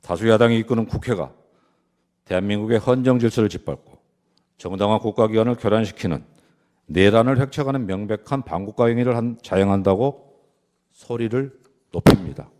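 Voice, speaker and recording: A man's voice: fairly low pitch, darkish tone. Solemn man delivering a formal courtroom argument. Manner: solemn, deliberate, emphatic phrasing in short segments. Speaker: lawyer delivering a closing argument. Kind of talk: formal prepared courtroom speech.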